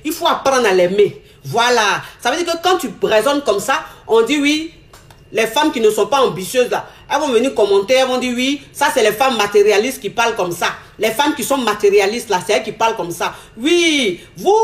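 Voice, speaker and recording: A woman delivers a lecturing monologue aimed at other women. She scolds and repeats her points, pressing each one with rhetorical questions. Her voice sits a little high.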